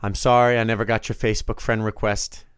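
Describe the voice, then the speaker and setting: A man's voice: on the low side, level tone, brisk, clean tone, no room sound. A man co-hosting a podcast, chatting casually and telling stories. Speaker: podcast co-host. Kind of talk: casual chat, storytelling.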